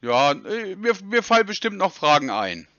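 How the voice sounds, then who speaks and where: A man's voice: sits high, very animated, moderate pace, sharp tone. A man on a prank phone call, mocking and taunting a scam caller and laughing at him. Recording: dull phone-call audio.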